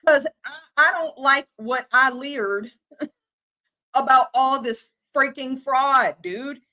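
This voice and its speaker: A woman's voice: high-pitched, takes it slowly, sharp tone. A woman, hosting a livestream and ranting in an exasperated, casual, slangy way. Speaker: livestream host.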